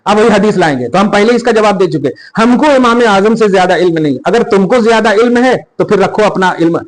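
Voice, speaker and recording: On a podcast, a male Islamic scholar explains how to pray, step by step, emphatic and making sure the listener follows. His voice sits high and sounds animated and a little fast, over poor audio.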